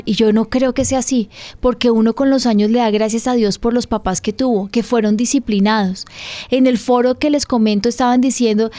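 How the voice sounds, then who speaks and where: Earnest woman pastor, slightly high voice. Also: a little mellow, no room sound. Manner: earnest, questioning her co-host, breathing advice. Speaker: pastor and radio program host.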